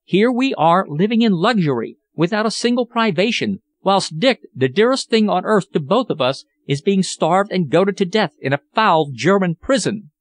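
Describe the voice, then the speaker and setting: A man's voice: a little high, sing-song, moderate pace, few pauses, no echo. A man voicing a passionate young woman in an audiobook, speaking in an impassioned, vehement way.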